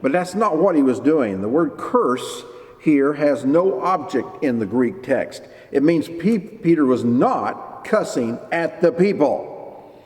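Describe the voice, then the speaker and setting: A man preaching a sermon as pastor, lively and expressive, briefly acting out the people he quotes. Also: a little high, slow, long reverb tail.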